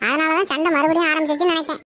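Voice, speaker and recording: A woman's voice: high-pitched, steady tone, very fast, pushed and bright, dry recording. A woman voicing a chatty, fussing village neighbor with a Tirunelveli Tamil accent, gossiping and making peace.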